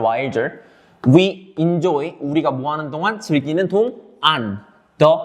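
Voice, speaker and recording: Brisk male English lecturer quizzing himself. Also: fairly high pitch. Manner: explains sentence by sentence, asks and answers his own questions; switches between English words and explanation, addresses students directly. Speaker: English teacher. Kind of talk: online exam lecture.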